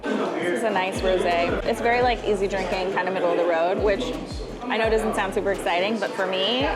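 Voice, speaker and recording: A woman's voice: medium pitch, brisk, over a noisy crowd. A woman vlogger chatting casually, describing food and drink as she tastes them. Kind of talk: casual vlog narration. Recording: talking over loud background music.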